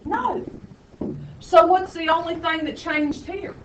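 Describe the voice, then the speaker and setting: A woman's voice: very high voice, fairly even intonation, slow, background noise. A woman math teacher, lecturing a classroom with playful, sarcastic teasing of her students. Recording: echoey classroom, distant lo-fi mic.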